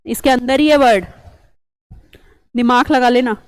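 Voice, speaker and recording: A woman's voice: fairly high pitch, measured pace, dry recording, rough recording. A woman teaching an online vocabulary lesson, chatty and coaxing, quizzing students with memory tricks.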